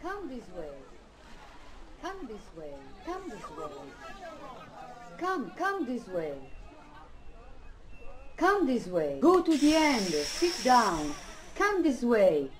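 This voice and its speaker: A woman's voice: on the high side, sing-song, slow pace, long pauses. A woman playing a cabin crew member herding evacuees with insistent, repeated short directions. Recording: noisy crowd and cabin ambience.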